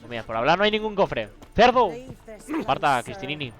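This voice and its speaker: A man's voice: mid-range voice, sing-song, rapid-fire, fairly bright tone. A young man with a Spain accent, giving slangy, jokey commentary while playing a game. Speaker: streamer. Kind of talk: casual let's play commentary. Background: game music.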